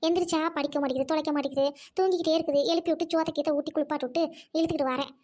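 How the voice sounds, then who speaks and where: A woman's voice: high-pitched, steady tone, rapid-fire, a little mellow, lightly acted. A woman playing a harried middle-aged village mother with a rural Trichy Tamil accent, grumbling and scolding in a comedy skit.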